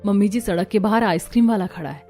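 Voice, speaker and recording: Woman playing a gentle cartoon daughter-in-law, soft-spoken. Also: mid-range voice, fast talker, soft background music, natural voice. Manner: soft, polite.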